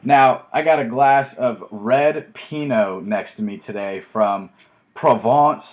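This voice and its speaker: A man hosting a casual podcast, chatty and excitable, getting fired up as he talks. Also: medium pitch, measured pace. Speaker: podcast host. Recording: tinny phone-like audio.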